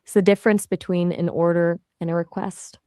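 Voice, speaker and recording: A synthetic woman's voice of an AI assistant, answering questions in a relaxed, chatty way with casual fillers. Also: on the low side, a little fast, no echo, studio quality.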